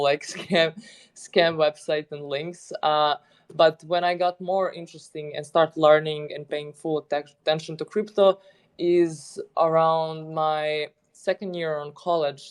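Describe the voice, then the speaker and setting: A man's voice: a little high, clear, resonant tone. A man from Serbia, a guest in an online audio chat, talking casually with frequent laughs and phrasing. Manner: relaxed, laughs often, loose non-native phrasing. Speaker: guest, head of business development. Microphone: online audio stream.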